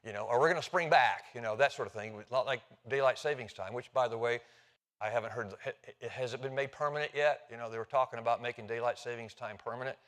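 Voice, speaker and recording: A man's voice: mid-range voice, fast, fairly bright tone. A man, teaching a sermon in a church in a chatty, folksy way and joking with the congregation. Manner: chatty, self-interrupting, jokes with the congregation. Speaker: preacher. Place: church sanctuary.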